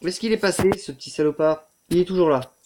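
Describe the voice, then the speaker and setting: A man's voice: on the high side, quick pace, darkish tone, slight background noise. A man giving let's play commentary on a horror game, muttering to the game, swearing often and yelping when startled.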